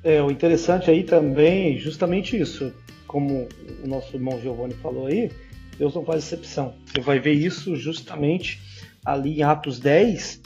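Higher, mellow-voiced man co-hosting. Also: moderate pace, faint music behind. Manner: earnest, cites scripture references. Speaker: podcast co-host. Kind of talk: casual theological discussion. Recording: slightly dull lo-fi audio.

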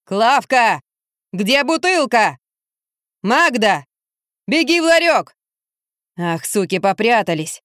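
A woman reading an audiobook, voicing a delirious drunken middle-aged man who yells and wails. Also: medium pitch, lively intonation, measured pace, no echo, studio quality, close to an everyday voice. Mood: bellowing. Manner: hoarse yelling and wailing.

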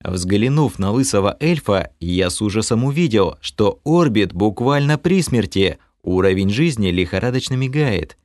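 Lively low-voiced male audiobook narrator. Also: moderate pace, few pauses, no echo, clean studio sound. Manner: animated reading with lively shifts of tone. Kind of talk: first-person audiobook narration.

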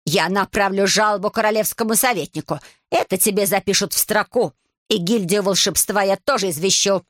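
Woman reading as a spiteful stepmother, snapping and accusing, middle pitch, dry close sound. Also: fairly quick, dry recording, lightly acted. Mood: scolding.

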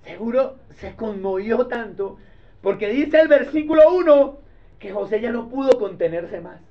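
A man pastor preaching a sermon in a lively, joking way, speaking directly to his congregation. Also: extremely high pitch, normal speed. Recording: dull lo-fi recording.

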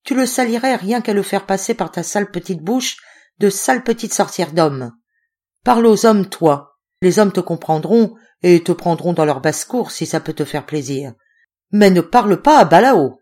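A woman voicing a proud, gruff male ape-man of the forest in an audiobook reading. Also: mid-range voice, expressive, a little slow, a little mellow. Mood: scornful. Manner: gruff and scornful.

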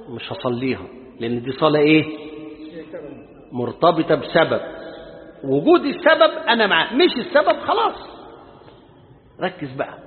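An Egyptian man teaches a religious lesson in lively colloquial speech, his high voice swinging widely as he jokes and calls on listeners to pay attention. The sound is thin and tinny, with a long hall reverb trailing each phrase. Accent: Egyptian Arabic. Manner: lively, joking and addressing listeners directly. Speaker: Islamic scholar teaching a lesson.

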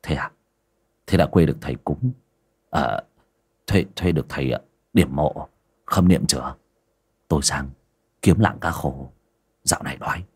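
A man voicing a sly, brazen, freeloading young gentleman who talks offhandedly. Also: very deep voice, normal speed, pauses often, slightly rough, voice pushed down, full character voice. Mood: scheming.

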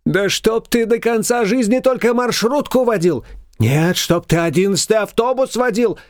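Man putting on a bickering older shop-owner woman, shrill, high-pitched, lively swoops, cursing. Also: normal speed, no room sound, clean studio sound. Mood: scolding. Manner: shrill scolding, cursing tirades. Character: loud older female shop owner, quarrelsome.

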